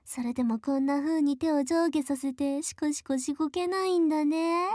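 A woman's voice: high voice, steady tone, moderate pace, a little mellow, no echo, studio quality, close to an everyday voice. A woman voicing a domineering adult younger sister who mocks and belittles her older brother in an audio role-play drama, with a giggling, condescending manner. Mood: taunting. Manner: taunting, condescending, frequent giggles.

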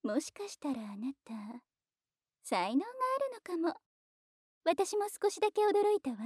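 A high, mellow-toned mistress, voiced by a woman, who teases and gives orders in a slow, coaxing manner. She slips often into soft whispers in this ASMR roleplay. The sound is close and dry. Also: dry recording. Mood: amused, teasing. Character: teasing dominant adult woman, commanding and condescending.

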